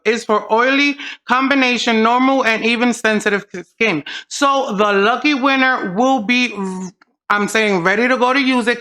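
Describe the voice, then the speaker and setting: A woman hosting a beauty channel, making a hyped giveaway announcement to camera in an excited, gushing way, talking to viewers like friends. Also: fairly high pitch.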